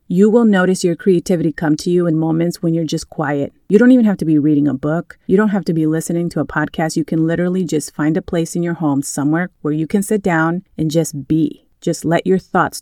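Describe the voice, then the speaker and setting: A woman hosting a motivational podcast as a wellness coach, talking in a chatty way straight to her listeners with a calm, soothing voice. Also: fairly low pitch, no room sound, clean studio sound. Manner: chatty, addresses listeners directly.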